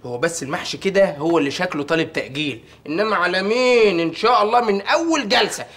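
A cheeky joking son. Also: male voice, high-pitched, animated, quick pace, a bit bright. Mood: playful. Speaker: son cooking for his mother. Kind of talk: comedy series acting.

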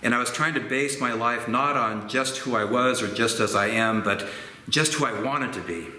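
With a mid-range voice, a pastor in his sixties preaches slowly and gently, reflecting and gesturing expressively with his hands. The church sanctuary has organ pipes, and a fixed medium-distance camera picks up roomy echo and faint ambient noise.

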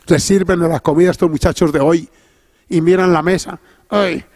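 A man's voice: fairly high pitch, steady tone, a little fast, darkish tone, no room sound, clean studio sound. A man preaching a sermon as pastor, emphatic and punctuated with cries of praise. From Colombia.

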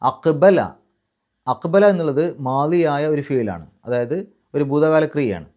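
A man's voice: a little high, lively intonation, a little mellow. Man patiently teaching Quran recitation rules. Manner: patient, repeats each rule step by step; draws out the Arabic example words slowly.

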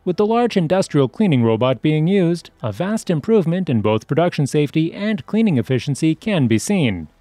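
A man with a fairly high voice reads a scripted news voice-over. His intonation rises and falls a lot, and the sound is dry, with no room echo. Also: big pitch swings, fairly quick, hardly any pauses, dark tone. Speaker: news narrator.

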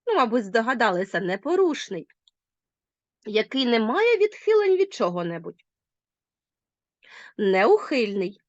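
A woman's voice: a little high, measured pace, long pauses, no room sound, lo-fi sound. A woman with a Ukrainian accent teaching a recorded school lesson, asking her pupils questions as she goes. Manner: lively, addresses pupils directly with questions.

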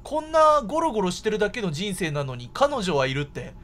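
A man giving excited horror game commentary, exclaiming in a startled way and often repeating his words. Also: high-pitched, a little fast. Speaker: gameplay commentator.

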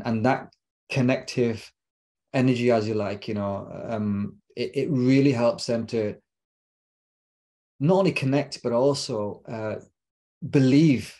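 Over a video call from a home room with bookshelves, a middle-aged man from Britain gives casual interview talk as a relationship coach guest. He sounds reflective, with a medium-pitched, slightly mellow voice, and often repeats words while searching for how to phrase things.

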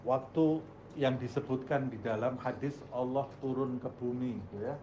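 A male religious teacher lectures at an ordinary middle pitch and keeps asking the room questions that he answers himself. The recording is slightly dull, with a faint hiss behind him. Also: fairly even intonation, moderate pace, mellow. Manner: asks the audience questions and answers them himself. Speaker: Islamic teacher.

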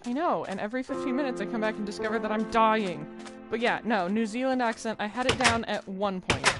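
A woman's voice: fairly high pitch, a little fast. A woman from southern Mississippi with a Southern accent, joking and chatting casually while co-hosting a gaming video. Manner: joking, drawling, bursts into playful sung lines. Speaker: gaming co-host. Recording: loud game music behind.

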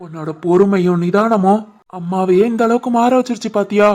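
A man voicing an affectionate, reassuring young husband in an animated family drama, with a Tirunelveli Tamil accent and a comforting, teasing manner. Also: high-pitched, brisk, close to an everyday voice.

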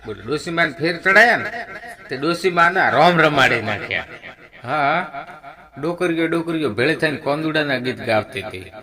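A man's voice: on the high side, expressive, bright, forceful tone. A man telling folk jokes in a to a live audience, rattling off stories and acting out the characters. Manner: rapid storytelling with constant filler "ke", acting out characters in quotes. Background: laughing audience.

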